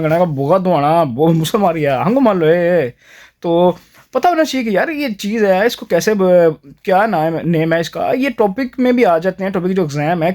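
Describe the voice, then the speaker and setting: A man running a casual vlog lesson on Korean fruit names, saying each word several times and filling pauses with a stock phrase. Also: sits high, a little mellow, no room sound, clean studio sound. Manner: repeats each word slowly, fills with "theek hai". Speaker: vlogger teaching Korean words.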